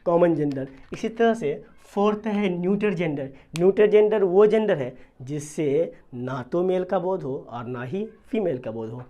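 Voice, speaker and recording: A grammar teacher talks through a video lesson in a steady, repetitive way. Each point is put to the class as a question and then answered. The English definitions are read out carefully, one word at a time. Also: mid-range voice. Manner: asks the class questions and answers them, repeating key terms. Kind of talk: classroom-style video lesson in Hindi mixed with English terms.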